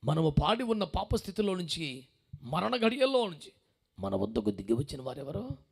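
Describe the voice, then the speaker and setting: A man's voice: on the high side, very animated, normal speed, gravelly, slightly rough. A man preaching a sermon as a pastor, firing rhetorical questions at the congregation and repeating phrases for emphasis. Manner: emphatic repetition.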